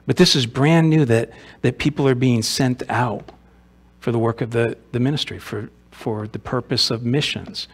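Male pastor, sermon, conversational, rhetorical questions, mid-pitched voice, church sanctuary. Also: moderate pace, slightly rough. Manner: conversational, asks rhetorical questions, repeats words.

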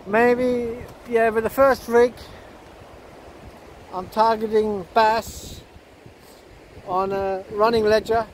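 Brief: 50s man, high voice, chatty fishing vlogger on camera outdoors, loud surf and wind noise. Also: level tone, takes it slowly, pauses often. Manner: chatty, laughs often, repeats words. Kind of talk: casual outdoor vlog commentary. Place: open sandy beach by the surf. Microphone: handheld camera close to face.

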